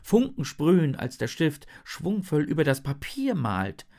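A storyteller reading a children's story aloud in an expressive, dramatic way. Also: mid-range voice, unhurried.

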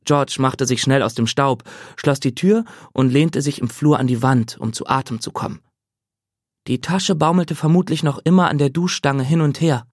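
A man reading a novel aloud as narrator, steady and measured. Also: mid-range voice, no room sound, studio quality. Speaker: audiobook narrator. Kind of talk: scripted narration.

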